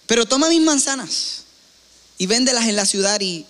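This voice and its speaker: A selfless old apple tree, spoken by a man in a soft, tender, slow voice that sits high and bright. The words ring out with a long hall reverb behind them. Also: lively intonation.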